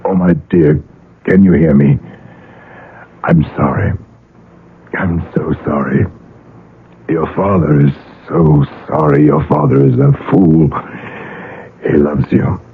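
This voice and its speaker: For a radio drama, a man voices Max, a brooding, guilt-ridden father driven to violence, narrating in first person with a very low, slow, intense, deliberate delivery. His tone is tender and remorseful, his intonation fairly even, and it sounds muffled like an old radio or phone, with faint music and slight background noise.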